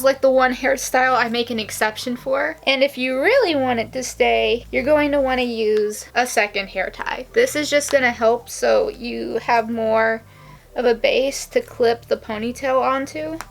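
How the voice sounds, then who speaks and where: A woman's voice: fairly high pitch, gravelly. A young woman chatting casually through a hair tutorial at home, rambling and joking at her own expense. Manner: chatty, self-mocking, rambling asides. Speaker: beauty vlogger.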